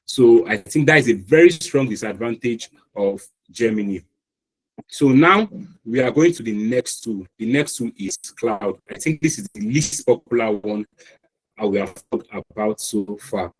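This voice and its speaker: A man's voice: on the low side, animated, measured pace, slightly rough, poor audio. A man with a Nigerian accent teaching an online class, explaining step by step with fillers and restarts. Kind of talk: live online lecture. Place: online meeting call.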